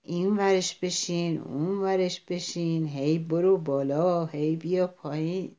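A woman voicing a dreamy squirrel, speaking softly and low. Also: fairly even intonation, natural voice.

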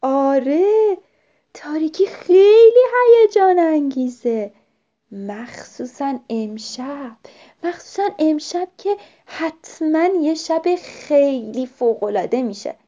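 An eager little boy from a storybook, talking high and lively, as a woman puts him on. The sound is dull and lo-fi. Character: excited little boy who loves fireworks. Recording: dull lo-fi recording.

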